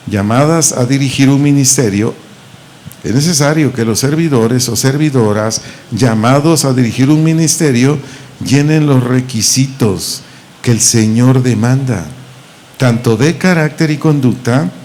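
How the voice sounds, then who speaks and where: Slow, deliberate Mexican pastor. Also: male voice, mid-range voice, a little mellow, slight background noise. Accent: Mexican Spanish. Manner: slow, deliberate, repeats and spells out words. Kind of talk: Bible teaching sermon. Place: church auditorium.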